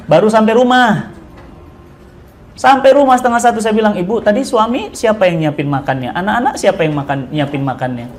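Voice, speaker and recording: A middle-aged man preaches with a lilt, his voice sitting high for a man. He tells stories to a room of women and acts out each exchange, his pitch jumping up for the other people he quotes. Faint noise hangs under the recording. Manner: animated, acts out dialogue with rising pitch. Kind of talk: storytelling religious talk to women.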